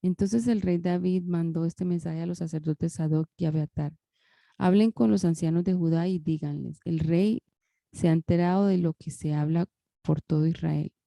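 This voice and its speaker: Low, dark-voiced woman reading scripture. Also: fairly even intonation, moderate pace, creaky, dry recording. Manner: careful reading with occasional restarts. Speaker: scripture reader. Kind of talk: Bible reading aloud.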